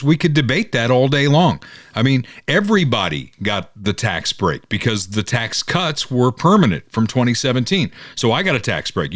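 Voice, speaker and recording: A man, hosting a political podcast and talking in a casual, animated way. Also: medium pitch, no echo, studio quality. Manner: animated, mocking quoted critics. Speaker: podcast host.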